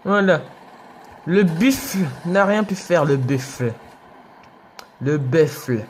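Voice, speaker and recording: A young man giving excitable let's play commentary, yelping and laughing at enemies. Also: fairly high pitch, slow, a little hiss or hum. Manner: excitable, shouts and yelps at enemies, laughs often. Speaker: gaming youtuber.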